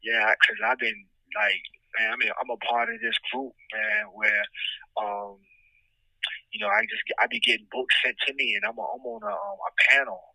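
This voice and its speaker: An American man speaking candidly in an interview on a prison phone, with a raspy voice and emphatic, repeated check-ins with his listener. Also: high voice, animated, moderate pace, pushed and bright. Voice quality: raspy, gravelly. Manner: emphatic, frequent "you know what I'm saying" check-ins. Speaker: interviewee, incarcerated poet. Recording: dry, close prison phone call.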